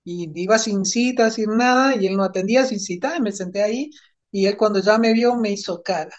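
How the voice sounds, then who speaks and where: A woman recounts her personal testimony in a lively, storytelling way, circling back on phrases to drive them home. Her pitch sits in an ordinary middle range. The recording is a little dull and lo-fi. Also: a little fast. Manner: animated storytelling with emphatic repetition. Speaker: guest giving a testimony.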